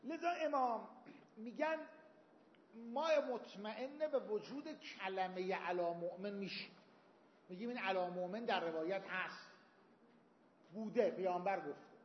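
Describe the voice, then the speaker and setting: High-voiced man lecturing in echoey hall. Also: pauses often, a little hiss or hum. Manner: explains with everyday examples, quotes Arabic texts. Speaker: seminary teacher. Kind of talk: Islamic jurisprudence lecture. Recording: echoey hall, dull lo-fi sound.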